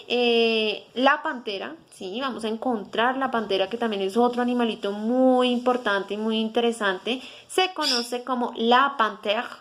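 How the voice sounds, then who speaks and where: A woman's voice: a little high, a bit bright. A woman teaching a recorded French lesson in Spanish, careful and repetitive, with frequent "eh" fillers. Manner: slow and careful, repeating each word, many "eh" fillers.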